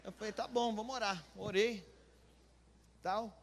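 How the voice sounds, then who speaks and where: A male Brazilian pastor telling a story from the pulpit, acting out the dialogue and building to near shouting. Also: high-pitched, unhurried, a little hiss or hum. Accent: Brazilian Portuguese. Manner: animated, acts out dialogue, rising to near shouting. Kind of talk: storytelling sermon. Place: church hall. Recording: live church hall with long reverb.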